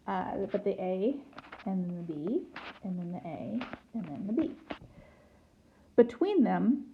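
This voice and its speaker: A woman teacher walks through a recorded whiteboard lesson in a gravelly, mid-pitched voice, chanting formulas in rhythm. Her asides are dry and teasing. The tablet recording sounds dull and lo-fi, with a faint hiss behind her. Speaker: math teacher. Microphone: tablet mic.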